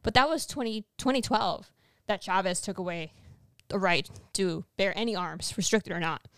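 A woman co-hosting a casual political podcast, talking in an animated, rambling way with many restarts. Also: medium pitch, moderate pace, smooth, no echo, studio quality. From Latin America. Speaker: podcast co-host.

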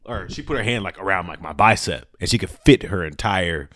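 A man's voice: deep voice, lively intonation, fairly quick, fairly bright tone, no room sound, studio quality. A young man co-hosting a podcast, candidly recounting memories in casual chat. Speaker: podcast co-host.

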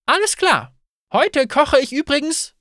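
A man playing a loud, bossy innkeeper woman. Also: high-pitched, big pitch swings, normal speed, no room sound, studio quality, pitched above the performer's own voice. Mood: exasperated. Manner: loud, commanding. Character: brisk tough female innkeeper.

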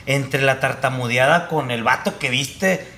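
A man's voice: mid-range voice, a little slow, sharp tone, slight background noise. Slangy Mexican guy, rambling chat. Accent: Mexican Spanish. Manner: slangy, rambling, laughs often. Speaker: music video producer and director, guest. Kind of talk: casual podcast chat.

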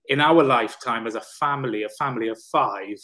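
A man speaking openly and with feeling as a podcast guest. His pitch sits in the middle for a man. His speech is loose and conversational, full of fillers and false starts, with the odd swear word. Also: fairly quick, pushed and bright. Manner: open, emotional, casually swearing, many fillers and restarts. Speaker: podcast guest, personal trainer and counsellor. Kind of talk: candid conversational storytelling.

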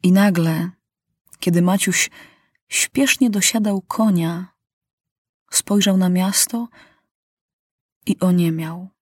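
A woman narrating an audiobook, her voice somewhat low and husky. She reads very slowly and deliberately, letting dramatic pauses hang between phrases. The sound is dry and close, with no room around it. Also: steady tone, no room sound. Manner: slow, measured, dramatic pauses.

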